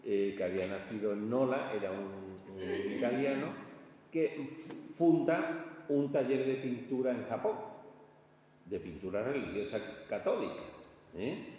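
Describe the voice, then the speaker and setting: A man whose accent comes from Spain gives a relaxed, illustrated art history lecture, speaking haltingly and often asking whether his audience is following. His voice sits on the low side and is warm and expressive. Recorded in a large reverberant indoor space, the audio is echoey, muffled and distant, with slight background noise.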